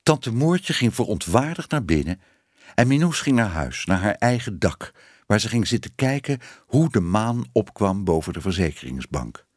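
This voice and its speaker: A man reading a children's story aloud with expressive narration. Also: on the low side, normal speed, breathy edge, no room sound, studio quality. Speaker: audiobook reader.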